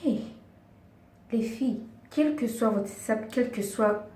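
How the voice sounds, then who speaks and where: A beauty and lifestyle vlogger with a slightly high, slightly mellow voice speaks slowly, offering earnest, coaxing advice in a casual vlog and often calling her viewers "girls." She's using a second language and sometimes hunts for words. The audio has a roomy echo, a distant mic and faint hiss.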